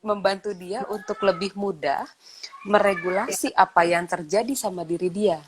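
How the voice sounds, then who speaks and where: A woman's voice: mid-range voice, moderate pace, background noise. A woman in her thirties, a mother talking in a casual chat about raising children, often acting out quoted dialogue. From Indonesia. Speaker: guest speaker.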